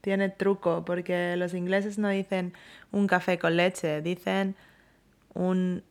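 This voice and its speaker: A woman's voice: lowish voice, flat delivery, slow, darkish tone. Chatty woman asking questions. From Spain. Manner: chatty, asks questions, gives examples. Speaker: co-host, language learner. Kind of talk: casual bilingual chat.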